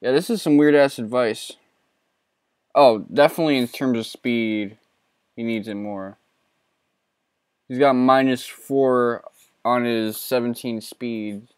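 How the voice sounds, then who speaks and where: Male let's player, 30s, casual and self-mocking, crisp and close, no room sound. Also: medium pitch, slow, pauses often, no echo. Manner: laid-back, profane and self-mocking. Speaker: let's play host. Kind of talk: casual gameplay commentary.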